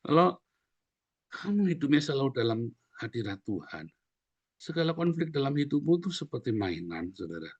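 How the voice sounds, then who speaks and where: A man preaching a lively sermon, joking and acting out voices. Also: mid-range voice, normal speed, long pauses, slightly rough, no room sound, highs cut off. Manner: animated, jokes and acts out quoted voices. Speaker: pastor.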